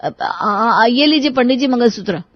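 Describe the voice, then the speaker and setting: A woman's voice: a little high, lively intonation, normal speed, dry recording, highs cut off. A woman voicing a polite, eager young daughter-in-law in a cartoon story.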